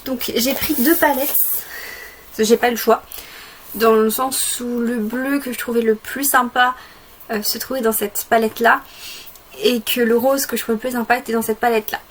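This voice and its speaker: A woman's voice: on the high side, fairly even intonation, moderate pace, a little hiss or hum. A woman chatting through a casual makeup tutorial, hesitant with lots of fillers, a bit sick. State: sick, occasional coughing. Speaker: makeup vlogger.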